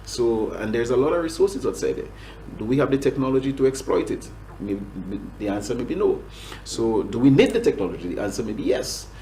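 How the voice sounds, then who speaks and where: A man's voice: mid-range voice, big pitch swings, a little fast, mellow, a little hiss or hum, rough recording. A man with a Grenadian accent, a government agriculture official answering interview questions with many restarts and fillers.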